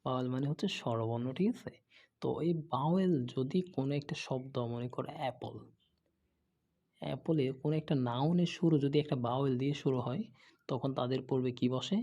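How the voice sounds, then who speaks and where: A man teaches a grammar lesson in a gravelly, mellow voice. He repeats examples and keeps checking that his students follow along. The recording sounds dull and lo-fi. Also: medium pitch, a little fast. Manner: patient, repeats examples, frequent "okay?" checks. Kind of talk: explaining lesson, asking and answering own questions.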